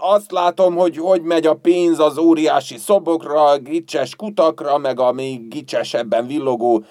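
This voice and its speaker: Radio sketch: a man as an exasperated young local, sarcastic, fairly high voice. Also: fairly even intonation, a little mellow, no echo, studio quality, lightly acted.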